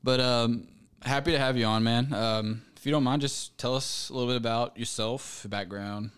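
A man hosting a podcast, chatting in a relaxed, friendly way and calling his guest "bro" and "man". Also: medium pitch, normal speed, clear, resonant tone. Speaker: podcast host. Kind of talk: casual podcast chat.

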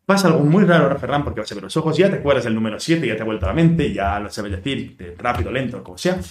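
A man's voice: medium pitch, expressive, very fast, recorded from a distance. A man hypnotizing a guest, speaking in soothing suggestive patter. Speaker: hypnotist host. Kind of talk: guided hypnosis induction. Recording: roomy, off-mic.

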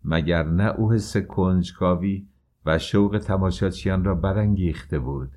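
Deep-voiced man narrating a novel. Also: mellow. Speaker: audiobook narrator. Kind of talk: literary audiobook narration.

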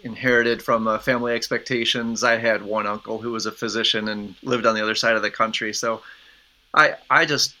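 A man, a physician executive, answering interview questions in a halting way with many fillers and restarts. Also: lowish voice, fairly even intonation, pushed and bright, poor audio. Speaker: guest, chief medical officer. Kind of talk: podcast interview.

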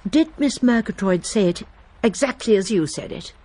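Miss Marple, a woman playing a gentle old sleuth. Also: medium pitch, expressive, moderate pace, close to an everyday voice. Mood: gently probing. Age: older. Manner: mild, precise, patient. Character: elderly spinster sleuth, gentle and shrewd. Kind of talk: radio drama acting.

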